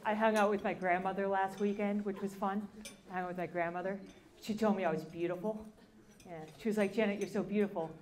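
A woman's voice: mid-range voice, flat delivery, brisk, darkish tone. A woman performing a stand-up comedy set on a club stage into a handheld mic, dry and self-deprecating, casual with lots of fillers. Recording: live audience laughter.

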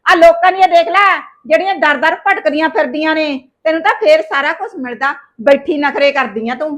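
A woman's voice: high-pitched, a little fast, natural voice. A woman acting a nagging mother-in-law in a village short drama, complaining and scolding. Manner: nagging, complaining, grumbles to herself.

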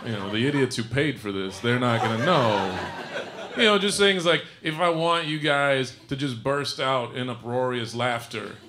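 Male stand-up, deadpan crowd banter, mid voice, noisy live club album. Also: mid-range voice, normal speed. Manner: dry, wry, sarcastic banter with the audience. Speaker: stand-up comedian. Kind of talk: stand-up set addressing the crowd. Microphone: stage microphone. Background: audience laughter.

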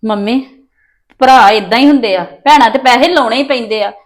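A woman's voice: fairly high pitch, a little fast. A young woman with a Punjabi accent playing a daughter who pleads and argues with her mother in a family drama. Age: young adult. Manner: pleading, defensive.

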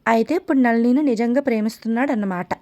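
A woman's voice: on the high side, fast talker, a little mellow, lightly acted. A woman voicing a weak, ailing elder sister in an audiobook story, speaking in a tired, sardonic, questioning way. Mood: skeptical.

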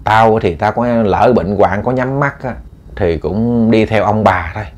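A man's voice: lowish voice, unhurried. A man voicing a stern, sick old mother who scolds her daughter bluntly and at length.

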